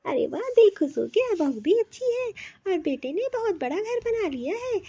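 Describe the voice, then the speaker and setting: A woman's voice: extremely high pitch, sing-song, normal speed, mellow, no echo, exaggerated voice. A woman voicing a simple, affectionate old mother-in-law from a village in a cartoon story, with homely, rustic talk. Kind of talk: cartoon voice acting. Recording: dull, dry lo-fi recording.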